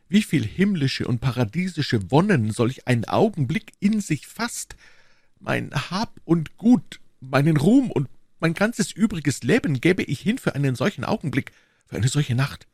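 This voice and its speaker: A man's voice: on the high side, darkish tone, slightly rough, dry recording, studio quality, exaggerated voice. A man reading an audiobook, voicing a passionate, lovesick duke with fervent, swelling declarations. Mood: impassioned. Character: passionate lovesick English duke, ardent and insistent. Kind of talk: audiobook reading of a classic novel.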